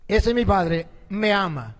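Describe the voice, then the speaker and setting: A man's voice: sits high, expressive, slow, in a large hall. A priest preaching a sermon. He tells stories and keeps asking the congregation questions.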